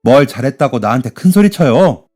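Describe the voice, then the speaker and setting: A man's voice: medium pitch, animated, a little fast, a little mellow, soft background music, natural voice. A man doing a sneering defiant eldest son.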